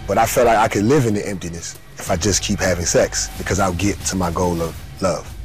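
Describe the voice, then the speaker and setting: A young man telling his personal testimony in an earnest, emotional way, with sudden rises in pitch. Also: steady tone, fairly quick, soft background music. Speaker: testimony speaker.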